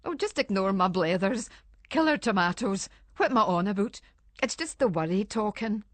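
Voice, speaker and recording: A woman plays an anxious Scottish housewife, chattering away in broad, homely dialect like a nervous radio play monologue. The acting is light, her medium-pitched voice has lively intonation, and her pace is moderate. The sound is dry and close, with no echo or room around her.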